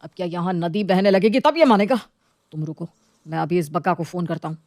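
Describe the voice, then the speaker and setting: A woman's voice: lowish voice, brisk, a little mellow, no echo, studio quality, natural voice. A woman voicing a flustered, grumbling young husband in a voiced story drama. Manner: exasperated, grumbling.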